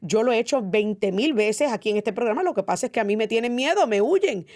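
A woman's voice: a little high, expressive, fairly quick, a little mellow. A woman hosting a call-in political talk radio show, speaking in an opinionated, emphatic way with frequent "eh" fillers.

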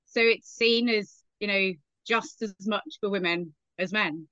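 A woman's voice: mid-range voice, measured pace, clean tone, dry recording. Chatty woman on a dull line. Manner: chatty, anecdotal, lively storyteller. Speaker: guest. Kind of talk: casual interview chat.

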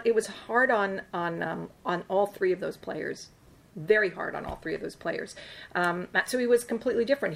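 A woman's voice: mid-range voice, vocal fry. An older woman telling stories in an interview, rambling and wry, with lots of ums and restarts. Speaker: sports agent interviewed about past deals. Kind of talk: conversational interview storytelling.

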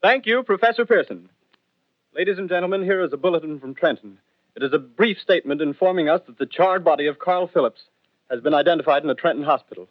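A man's voice: a little high, lively intonation, quick pace, no room sound, phone-quality sound, close to an everyday voice. A man playing a grave radio news announcer, reading formal bulletins in an old 1930s newsreel manner. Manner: formal, clipped, solemn bulletin delivery.

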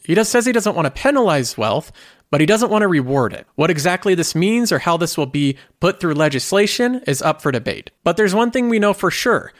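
A man's voice: high-pitched, very animated, a little fast, no echo, studio quality. A man hosting a finance video, explaining in scripted commentary and posing rhetorical questions.

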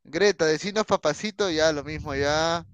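Joking high-voiced Peruvian man. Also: fairly bright tone, clean tone, no room sound. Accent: Peruvian Spanish. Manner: joking, reads viewer comments aloud with quick asides. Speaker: co-host reading live chat. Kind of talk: casual live-stream chat.

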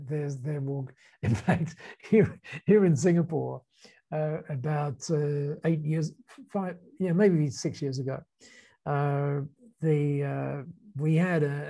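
A man with a soft-edged, mellow voice presents ideas in a conversational way. He moves haltingly and deliberately, leaning on key words. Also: on the high side. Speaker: speaker presenting ideas to a group. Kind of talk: conversational explanatory talk.

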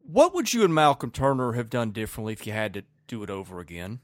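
A man's voice: medium pitch, wildly swooping pitch, quick pace, dry recording, clean studio sound. A man hosting a sports podcast, asking questions and wrapping up politely. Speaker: podcast host. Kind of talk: podcast interview.

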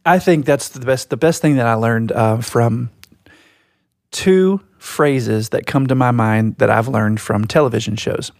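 Gravelly-voiced man on a podcast. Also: mid-range voice, darkish tone, no echo, studio quality. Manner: reflective, storytelling, slow and deliberate. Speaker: podcast co-host. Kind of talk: casual podcast chat.

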